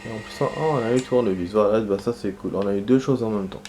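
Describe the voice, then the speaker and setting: A man's voice: lowish voice, fast, background noise. A man giving casual let's-play commentary, rambling and hesitant, with lots of fillers and restarts. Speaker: gaming commentator.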